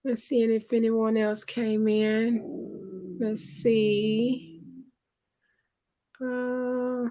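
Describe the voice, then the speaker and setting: A woman's voice: a little high, level tone, mellow. A woman hosting a live stream in a casual, conversational way, greeting viewers by name and reading their chat comments aloud. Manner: unhurried, conversational. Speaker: livestream host.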